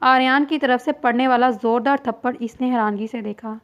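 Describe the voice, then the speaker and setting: A woman with a high voice reads a novel aloud in scripted narration. She keeps an even, read-aloud delivery and voices every character herself. The recording is dull and lo-fi, like a simple home setup. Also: fairly quick. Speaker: novel reader.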